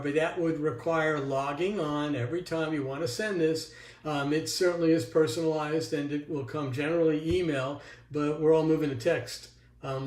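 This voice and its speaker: A man's voice: fairly high pitch, roomy sound. A man presenting a casual workshop tutorial, talking while he clicks through screens, with frequent ums and restarts. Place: indoors at a computer.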